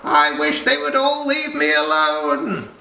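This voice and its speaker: A man's voice: a little high, sing-song, takes it slowly, vocal fry, a bit bright, reverberant, a little hiss or hum, voice pushed up, exaggerated voice. Man doing a fussy, fluttery friendly witch. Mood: exasperated. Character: fussy, kindly female witch in a cottage.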